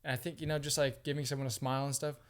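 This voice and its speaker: A man's voice: mid-range voice, little pitch movement, rapid-fire. A man co-hosting a podcast in casual chat, agreeable and rambling, with lots of "like" and "I don't know". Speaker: podcast co-host.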